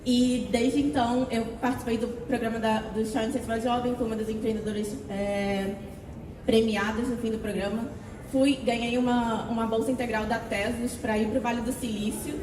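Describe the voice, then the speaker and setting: A woman's voice: fairly high pitch, steady tone, moderate pace. A young woman speaking casually at a panel, with some hesitations. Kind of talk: panel talk. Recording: echoey hall, far from mic, noisy.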